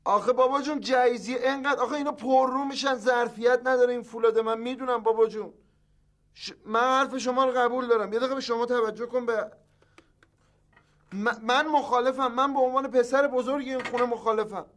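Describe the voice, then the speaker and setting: A high-pitched grown son, loud then meek, sitcom bickering. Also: male voice, steady tone. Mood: pleading. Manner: blustering then meekly giving in. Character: excitable grown son, quick to bluster and then back down. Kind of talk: sitcom acting.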